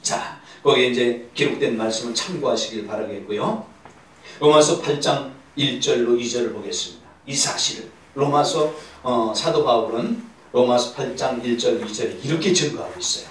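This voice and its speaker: Emphatic pastor preaching in an echoey church. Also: male voice, medium pitch, moderate pace, fairly bright tone, slight background noise. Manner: emphatic, repeats key words, prompts the congregation. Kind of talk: Bible seminar sermon with call-and-response. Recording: distant echoey church recording.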